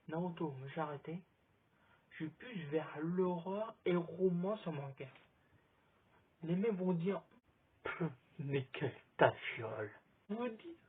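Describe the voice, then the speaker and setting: A man's voice: sits high, breathy edge. A man vlogging in a casual, rambling chat, filming himself on a phone outdoors. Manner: rambling, chatty recommendations. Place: outdoors in sunlight. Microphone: phone camera. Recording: thin phone-like sound.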